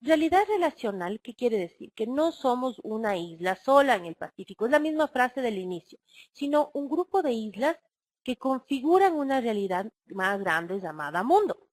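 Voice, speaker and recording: A woman's voice: a little high, very animated, normal speed, dry recording. A woman with an Ecuadorian Spanish accent giving a recorded online lecture on family counseling, explaining and addressing listeners with rhetorical questions. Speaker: webinar speaker on family counseling.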